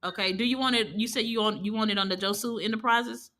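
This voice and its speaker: Female online instructor with a bright, clear tone. Talks like a casual live class: chatty, quick to laugh, corrects herself as she goes. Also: on the high side, fairly even intonation. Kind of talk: casual live teaching over screen share.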